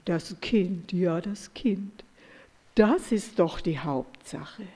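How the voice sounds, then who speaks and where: A woman voicing a sleepy, boozy male ox in a spoken animal fable, with a low, gruff delivery. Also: slow pace, dark tone, in a large hall, exaggerated voice. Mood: hushed. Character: grumpy sleepy male ox, likes a drink.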